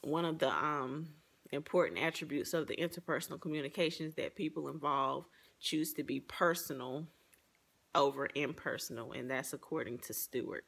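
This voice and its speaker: A woman gives a personal, reflective presentation, partly reading from notes and explaining herself earnestly. Her low-pitched voice carries noticeable fry and gravel, with a fairly bright tone at normal speed.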